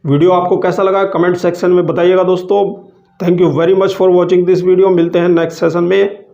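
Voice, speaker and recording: A male teacher giving a grammar lesson, who explains patiently, repeats himself slowly and keeps addressing viewers as friends. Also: high voice, flat delivery, gravelly, warm tone. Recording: echoey room, dull lo-fi sound.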